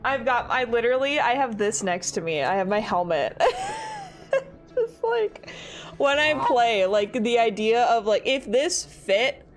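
A woman's voice: a little high, very animated, a little slow. A young woman streaming a game from her apartment on a headset mic, giggly and self-deprecating as she chats with viewers. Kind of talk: casual live-stream chat while gaming. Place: home apartment.

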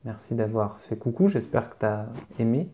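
A man's voice: medium pitch, animated, normal speed, warm tone, highs cut off. A man teaching French, reading out viewer questions and answering them casually, spelling words out letter by letter. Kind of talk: casual live Q&A.

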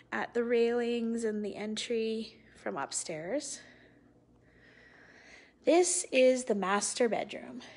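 A woman, a real estate agent giving a live virtual tour, walking through a house and talking upbeat and admiring into a handheld phone. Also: on the high side. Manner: upbeat, admiring, slow and deliberate. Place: large house indoors, walking room to room. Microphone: phone held at arm's length.

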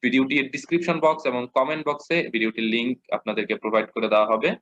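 A man with a Bangladeshi Bengali accent teaching a lesson, patiently repeating examples and modeling slow recitation. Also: mid-range voice, steady tone, fairly bright tone. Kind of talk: explanatory lesson. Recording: dull lo-fi audio.

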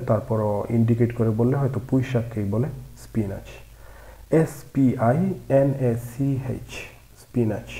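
A man leads a vocabulary lesson at a slow, patient pace, spelling every word out one letter at a time. His voice sits at an everyday pitch and sounds warm and mellow. The delivery is plain and steady, like a teacher drilling words. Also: low-quality recording. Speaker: language teacher.

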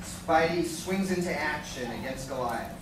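Reading stage directions for a live radio play, the narrator is a man whose voice is on the high side and a little slow. A distant audience camera recorded him in a large hotel conference room full of seated listeners, so the audio is remote, echoey, and noisy with the crowd.

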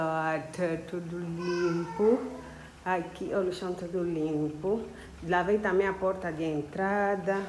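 A woman's voice: mid-range voice, background noise. Tired young woman vlogging on her phone. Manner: chatty, addresses viewers as sisters. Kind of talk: casual chat to camera. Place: apartment and plant-filled balcony. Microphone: phone at arm's length.

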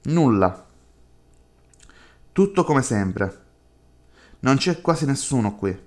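A man's voice: mid-range voice, big pitch swings, takes it slowly, a little mellow. A man reading as a lonely, withdrawn young woman. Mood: subdued.

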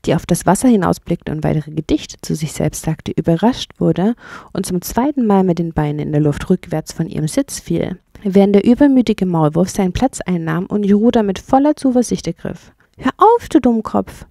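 A woman calmly narrating a children's bedtime story. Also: fairly low pitch, brisk, creaky, no echo, studio quality. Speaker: audiobook narrator.

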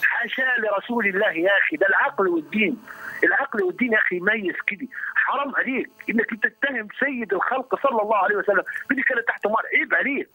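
A man's voice: sits high, very fast, sharp tone, breathy edge, low-quality recording. A man with an Egyptian accent calling into a show, protesting and pleading indignantly in a heated debate over the phone. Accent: Egyptian Arabic. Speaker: caller. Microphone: phone line.

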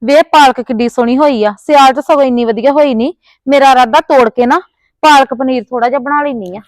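A woman's voice: sits high, a little fast, dry recording. A woman playing a neighbour who scolds and taunts with sarcasm in a family drama. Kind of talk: Punjabi village family drama acting.

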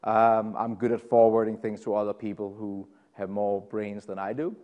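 In a conference room, a middle-aged conference presenter from Denmark gives a technical talk in a loose, chatty style, full of fillers and jokes at his own expense. He speaks with a Danish accent in a lowish voice with little pitch movement at normal speed; the audio is dull, with a big-room sound.

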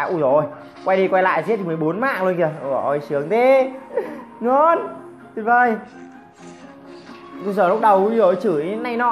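Excitable woman commentating a game. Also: fairly high pitch, dull audio. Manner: exclamatory, teasing opponents, frequent cries of surprise. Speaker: gameplay commentator.

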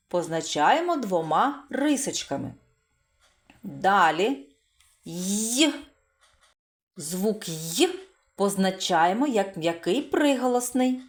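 A woman's voice: medium pitch, very animated, slow. A woman teaching preschoolers a letter, encouraging them with praise and drawing out sounds and syllables for them to repeat. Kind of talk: slow, expressive children's literacy lesson.

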